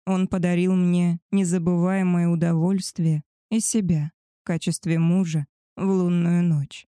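A woman's voice: lowish voice, dark tone, no echo. A woman reading a novel aloud as first-person narration, close to the microphone. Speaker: audiobook narrator.

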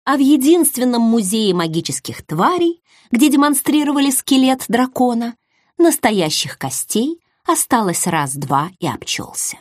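A woman narrating a first-person fantasy audiobook in an expressive storytelling manner, on a close mic. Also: on the high side, a little slow, no room sound.

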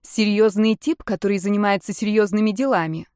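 A woman reading the lines of a direct, sharp-witted young woman who asks crisp, teasing questions in an audiobook. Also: mid-range voice, fairly even intonation, fairly quick, no echo, clean studio sound, lightly acted. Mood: sceptical.

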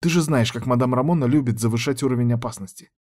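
A man's voice: medium pitch, quick pace, a little mellow, voice pushed up, lightly acted. A man voicing an earnest, concerned young sylph woman. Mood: worried.

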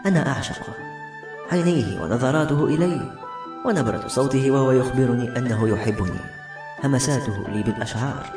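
A man voicing a young lovesick princess who is dreamy and sharp by turns, in a raised voice. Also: medium pitch, fairly quick, lightly acted. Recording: roomy echo, faint music.

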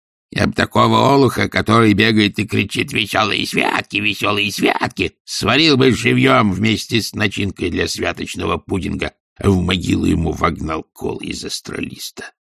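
A man's voice: sits low, normal speed, gravelly, fairly bright tone, husky, dry recording, clean studio sound, full character voice. A man doing a muttering, grumpy old miser. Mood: grumbling. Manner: muttering, growled and half-whispered.

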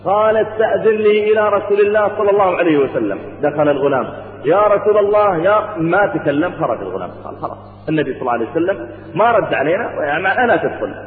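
A man's voice: sits high, lively intonation, rapid-fire. A man preaching a sermon, retelling a story with dramatic acted-out quotes. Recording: echoey hall on a tinny, lo-fi line.

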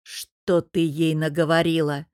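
A woman's voice: lowish voice, fairly even intonation, moderate pace, darkish tone, no echo, studio quality, lightly acted. A woman reading an audiobook who voices a stern young man with a cold, clipped, growling manner.

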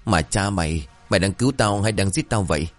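A frantic, exasperated young man in a horror-comedy storybook, voiced by a man, snapping in quick bursts. His voice sits low with lively swings. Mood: panicked. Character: panicky young man half-hanged, exasperated.

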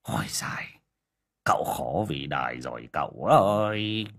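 A man's voice: very deep voice, lively intonation, unhurried, a bit bright, voice pushed down, exaggerated voice. A man voicing an old village coffin maker who sighs and laments with pity. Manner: sighing, lamenting.

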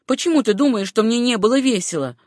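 A woman's voice: fairly high pitch, lively intonation, quick pace, a little mellow, no echo, studio quality, pitched above the performer's own voice. A woman reading an audiobook, voicing a curt, jealous young woman who snaps her answers. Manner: curt, snapping.

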